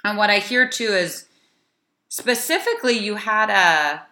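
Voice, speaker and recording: A woman's voice: mid-range voice, expressive, unhurried, bright, forceful tone. A woman around thirty hosting a podcast, affirming and enthusiastic in casual conversation. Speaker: podcast host. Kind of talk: casual interview chat. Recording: roomy echo.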